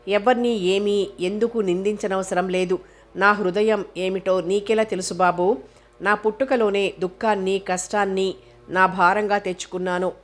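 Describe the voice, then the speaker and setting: A woman voicing a sorrowful, resigned young woman in a spoken novel, grave and measured. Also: mid-range voice, lightly acted.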